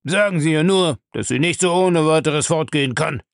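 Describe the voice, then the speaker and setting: A man reading aloud and voicing a gruff, menacing old castle owner who grumbles slowly. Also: medium pitch, fairly bright tone, no room sound, clean studio sound.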